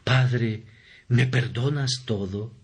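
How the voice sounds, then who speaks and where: A man's voice: mid-range voice, takes it slowly, a little mellow, breathy edge, voice pushed down, heavily acted. A tearful pleading son, as a man reads him. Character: remorseful weeping young son, pleading.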